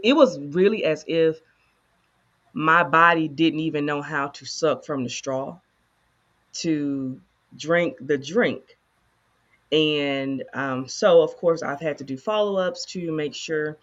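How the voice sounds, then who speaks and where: A woman co-host in casual conversation, candidly telling a personal story with animated asides. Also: low-pitched, lo-fi sound. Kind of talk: casual chat.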